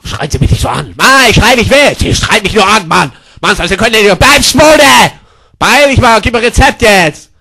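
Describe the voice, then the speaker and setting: A man playing a brash, crude loudmouth. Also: sits high, expressive, moderate pace, heavily acted. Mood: boastful, rude. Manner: loud, rude, mixes broken English into German. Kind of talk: comedy sketch acting.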